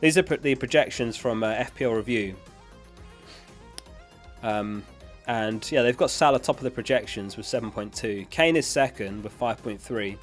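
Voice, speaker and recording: At a normal speed and medium pitch, with faint music behind, a man casually hosts a livestream. He reads viewer questions and gives plain, matter-of-fact answers as his voice begins to give out from being unwell. A close dynamic studio mic is used.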